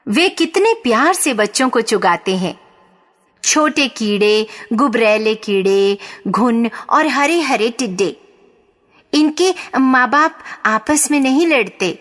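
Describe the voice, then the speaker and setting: A woman reads a storybook tale in a slow, unhurried way. Her voice sits somewhat high, and her delivery stays calm and measured. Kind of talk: scripted storybook narration.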